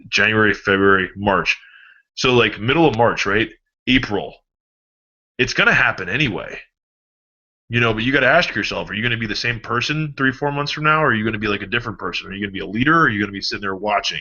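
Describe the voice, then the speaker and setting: A man giving a casual motivational pep talk, rambling and animated, swearing freely. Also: on the low side. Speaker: motivational vlogger. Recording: dull lo-fi recording.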